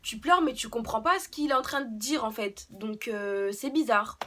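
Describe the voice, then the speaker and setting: Young woman vlogger, storytime to camera, halting delivery with lots of fillers, a touch high-pitched. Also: bright, forceful tone, a little hiss or hum. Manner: hesitant, many fillers and restarts. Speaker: beauty vlogger. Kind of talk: unscripted storytime.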